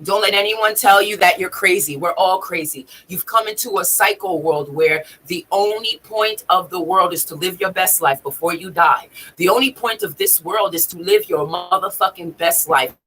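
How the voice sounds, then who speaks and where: Husky, bright-voiced woman preaching on a livestream. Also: normal speed, few pauses, poor audio. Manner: swings from low mutter to high shouting; profane, emphatic, preachy. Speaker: livestream host. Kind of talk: spiritual livestream talk.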